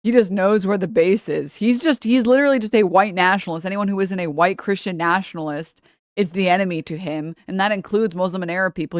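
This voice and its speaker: A woman's voice: on the low side, dry recording, clean studio sound. A woman livestream host giving casual, mocking reaction commentary and swearing freely.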